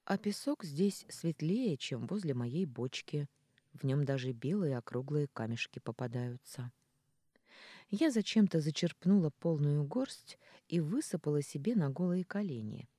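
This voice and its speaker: An audiobook narrator reading a first-person novel in an expressive, dramatic manner. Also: mid-range voice, a little slow, dry recording, clean studio sound.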